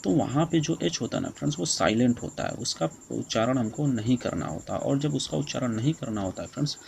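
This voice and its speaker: A young man teaches English grammar in Hindi, addressing his viewers as friends again and again. His voice has a gravelly edge of vocal fry and stays at a middle pitch. A faint hum of noise and chirping insects sits behind him. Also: animated, darkish tone, poor audio. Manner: repeats "friends" often, explains slowly; reads English rules slowly and deliberately.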